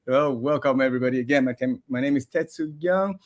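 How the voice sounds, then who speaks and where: A man's voice: mid-range voice, fast. A man hosting a casual video podcast, teasing his guests and laughing often. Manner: playful, teasing, laughs a lot. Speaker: podcast host.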